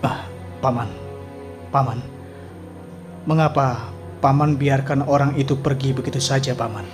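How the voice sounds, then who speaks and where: A man's voice: mid-range voice, steady tone, a little slow, lightly acted. Old radio show nephew: male actor, sly, nervous stammerer, drenched in reverb, music behind. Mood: pleading. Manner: stammering, pleading. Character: timid, sly, protesting nephew. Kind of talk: old Indonesian radio drama acting.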